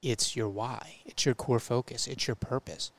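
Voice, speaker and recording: A man's voice: mid-range voice, fairly even intonation, normal speed, creaky. A man in his thirties, a podcast guest in casual conversation, emphatic and repeating his points for weight. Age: 30s. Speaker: podcast guest, brand co-founder.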